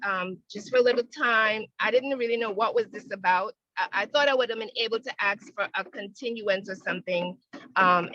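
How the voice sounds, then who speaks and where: A woman's voice: medium pitch, a bit bright, dry recording. Woman calling into a hearing on a crackly, fading phone line; hesitant delivery, muffled and dry. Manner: hesitant, halting, many restarts. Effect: crackly phone line that fades in and out. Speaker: property owner appealing a violation. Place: outdoors.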